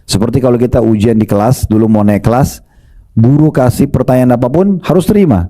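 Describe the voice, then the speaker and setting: Very dark-voiced male preacher. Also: mid-range voice, brisk. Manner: lively, retells stories and addresses the congregation. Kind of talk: conversational sermon with storytelling.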